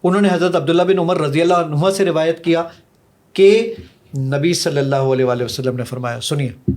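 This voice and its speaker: A man's voice: fairly high pitch, a little mellow. A man who made an app, demonstrating it eagerly as a podcast guest and mixing English phrases into his speech. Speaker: app creator giving a demo.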